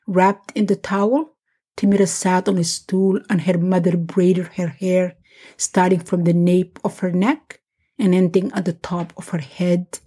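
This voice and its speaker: A woman hosting her own podcast reads a scripted family story aloud. Her reading is measured and gentle. Her voice is warm and mellow, with a slightly husky, breathy edge. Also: lowish voice, little pitch movement.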